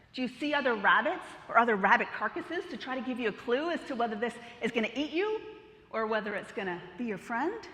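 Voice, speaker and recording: A middle-aged woman giving a lively keynote talk to an audience, telling playful stories and asking the crowd questions. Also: fairly high pitch. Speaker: keynote speaker. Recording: roomy hall reverb.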